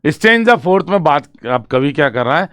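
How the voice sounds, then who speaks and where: A male literature teacher who explains a poem's structure in Hindi. He reads the lines slowly and with stress, then breaks them down for exam students and keeps asking whether they follow. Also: on the high side, very animated, a bit bright, dry recording. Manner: asks students check questions, writes on a board. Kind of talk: exam-prep poetry lecture mixing Hindi and English.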